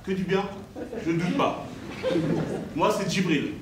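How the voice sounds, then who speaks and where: Man, stand-up comedian, slightly high voice, heard from afar, roomy hall, noisy live recording. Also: a little slow, distant mic. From Normandy, France. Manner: animated, jumps up for quoted voices and drops low for asides. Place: stage in an echoey hall.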